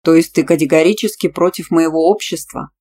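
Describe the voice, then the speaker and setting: A woman voicing a self-assured, domineering young male teacher who speaks calmly and growls at times. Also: sits low, moderate pace, close to an everyday voice. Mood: smug. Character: smug, pushy male teacher, calm and domineering.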